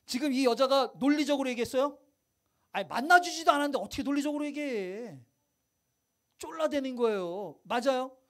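A man preaching a sermon in a church, with a voice that sits high for a man. He talks to the congregation casually and keeps throwing questions back at them to drive his point home. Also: fairly quick. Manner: animated, conversational preaching with rhetorical questions to the congregation. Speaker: pastor. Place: church sanctuary.

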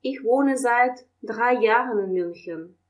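A woman with a slightly high voice gives a German language lesson, reading model questions and answers slowly and clearly and explaining them in Russian.

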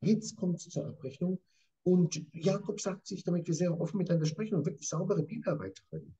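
Man, Bible study teacher, very raspy voice, fairly high, swinging pitch, emphatic, addresses listeners by name. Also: a little fast, dark tone, highs cut off. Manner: passionate, dramatic. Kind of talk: lively Bible study lecture.

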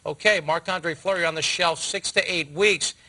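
A man in his fifties hosting post-game sports talk in a TV studio, putting measured questions to his analyst. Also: fairly high pitch, pushed and bright, rough recording. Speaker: studio host. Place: TV studio set.

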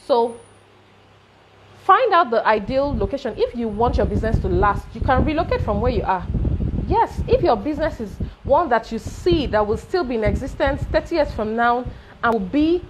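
A woman's voice: a little high, very animated, normal speed, slight background noise, low-quality recording. A woman with a Nigerian accent, coaching on business growth in an emphatic talk with rising checks like "okay?". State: briefly choking.

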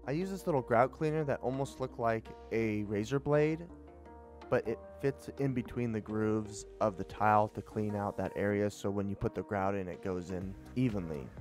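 In a casual DIY voice-over set in a small basement bathroom indoors, a young man who vlogs about home improvement talks through tiling. His voice is fairly low with a darkish tone, and he's chatty and self-critical, sharing tips and owning up to his errors.

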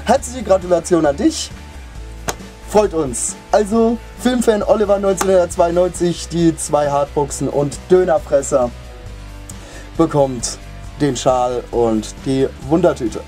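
A man's voice: on the high side, expressive, slow, long pauses, dark tone, faint music behind. A man in his thirties making a casual giveaway announcement as a channel host, chatting informally and directly to his viewers in a room at home.

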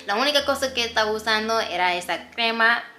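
A woman's voice: a little high, fairly quick, bright, forceful tone, slight background noise. A young woman vlogger telling a candid personal story, mixing in English words. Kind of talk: storytime narration.

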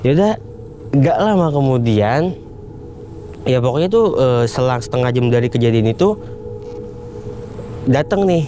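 A man's voice: medium pitch, a little slow, long pauses, slight background noise. A young man, telling a tale on a casual talk show and acting out the voices of the people in it. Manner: animated retelling in casual Jakarta slang, acts out quoted voices. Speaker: guest storyteller. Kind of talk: casual storytelling.

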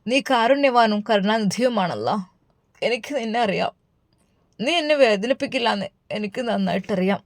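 Woman reading as a young wife praying softly, heartbroken, dry close sound. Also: fairly high pitch, normal speed, dry recording, close to an everyday voice. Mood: prayerful.

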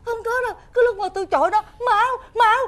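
An actress playing a frightened, tearful wife who stammers. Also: female voice, very high-pitched, rapid-fire, a bit bright. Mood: fearful. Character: frightened wife who killed a beggar boy.

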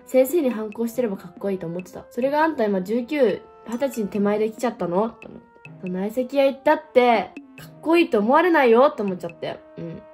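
A woman's voice: on the high side, animated, fast, few pauses, darkish tone, soft background music. A woman of about twenty talking casually to camera as a vlogger, rambling with lots of fillers and playful self-mocking asides. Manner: rambling, chatty, with frequent fillers. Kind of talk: casual solo chat to camera.

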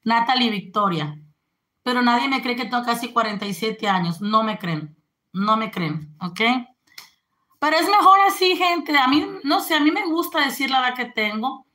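A woman's voice: fairly high pitch, animated, normal speed, bright, forceful tone. A woman, chatting casually on a live stream and greeting viewers. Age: 40s.

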